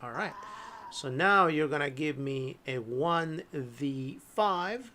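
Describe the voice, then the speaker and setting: A man running a tabletop horror game as game master, relaxed and hesitant, often clearing his throat and saying um. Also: fairly high pitch, slow.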